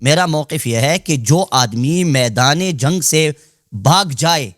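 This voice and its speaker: A man debating as a guest cleric, laying out his position deliberately and checking agreement after each point. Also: a little high, animated, a bit bright, no room sound, studio quality. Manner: deliberate, repeats "theek hai?" to check agreement. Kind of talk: heated live debate.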